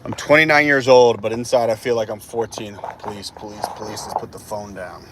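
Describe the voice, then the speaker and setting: Rambling twenty-something man, low voice. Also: normal speed, a little hiss or hum. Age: 20s. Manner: rambling, animated, says bro a lot. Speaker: livestreamer. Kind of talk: casual livestream chat. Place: driving through a city at night.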